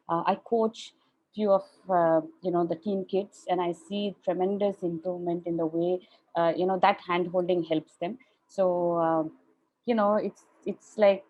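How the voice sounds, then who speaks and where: Lowish-voiced woman coach, halting self-introduction over a video call. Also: lo-fi sound. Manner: hesitant, many fillers. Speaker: coach and co-facilitator.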